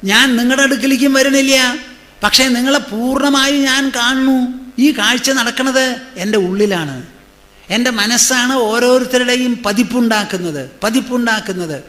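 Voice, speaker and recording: A man's voice: extremely high pitch, sharp tone. A man, a swami, giving a spiritual discourse, pressing his listeners with rhetorical questions and repeating phrases for emphasis. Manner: chants scripture verses slowly in a drawn-out way.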